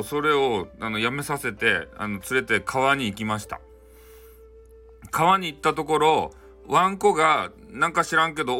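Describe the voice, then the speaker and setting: A man's voice: mid-range voice, pushed and bright. A man telling a folk tale in Hakata dialect as a bedtime story, in a loose, rambling way with many fillers and offhand asides.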